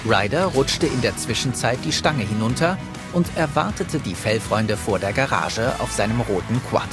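A man's voice: medium pitch, expressive, normal speed. A man narrating a scripted story for children. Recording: prominent music behind.

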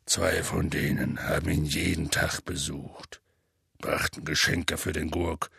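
A huge, rough-spoken half-giant with a very deep, gravelly, husky rasp and a sharp edge to it. He tells his tale in a folksy way, peppered with curses, in a dry, close recording for an audiobook. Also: steady tone, a little slow, no echo, full character voice. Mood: gruff storytelling. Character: huge gruff half-giant gamekeeper, rough and warm-hearted. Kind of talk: audiobook character voice.

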